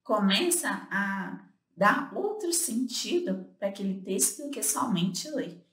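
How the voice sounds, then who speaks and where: A woman co-host gives relaxed, casual instruction on study tips, her mid-range voice moving up and down a great deal at a slow pace. She relies on small fillers throughout, and the echoey room makes the sound ring slightly.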